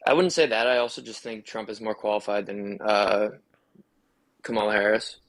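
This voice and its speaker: A man's voice: on the low side, steady tone, moderate pace, a bit bright, rough recording. A man in his twenties calling into a livestream debate, hesitant and full of fillers. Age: 20s. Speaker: caller.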